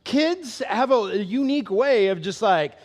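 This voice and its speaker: High-voiced man preaching casually. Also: expressive, measured pace. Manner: candid and self-deprecating, laughs often, asks the room questions. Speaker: pastor. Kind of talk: conversational sermon.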